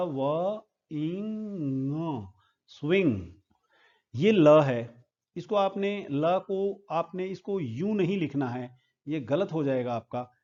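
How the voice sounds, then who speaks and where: A man's voice: on the high side, dark tone, lo-fi sound. A man teaching English phonetic symbols, spelling each word out sound by sound. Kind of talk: phonetics lesson at a board.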